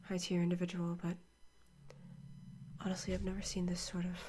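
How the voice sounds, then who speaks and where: Woman as a monotone archaeologist, ASMR role-play, noisy recording. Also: fairly low pitch, lightly acted. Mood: absorbed, hushed. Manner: monotone, hushed, measured. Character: woman archaeologist, calm and absorbed, examining a mysterious artifact. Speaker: ASMR performer. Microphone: close microphone. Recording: clearly noisy close-mic recording.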